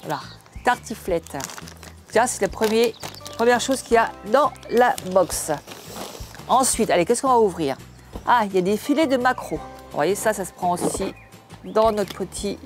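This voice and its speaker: A woman's voice: mid-range voice, animated, soft background music. Chatty older woman unboxing food. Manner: chatty, homely, halting with restarts. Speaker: cooking channel host. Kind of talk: casual unboxing chat to camera.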